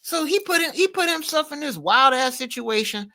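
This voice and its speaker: A man's voice: extremely high pitch, expressive, normal speed, bright, forceful tone. A man co-hosting a podcast, talking in a loose, slangy, rambling way full of fillers. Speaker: podcast co-host. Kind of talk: casual commentary chat.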